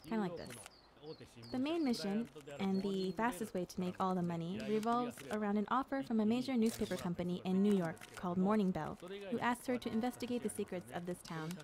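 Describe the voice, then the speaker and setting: A woman's voice: mid-range voice, fairly quick, crowd noise. Woman giving casual game walkthrough commentary. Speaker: English dub narrator speaking a game director's commentary.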